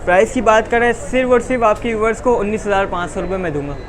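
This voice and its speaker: A high-voiced man with a Pakistani accent delivers a rapid, insistent teleshopping-style sales pitch. He repeats prices and stock phrases as he lists phones. Busy street noise and chatter surround him. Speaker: phone seller.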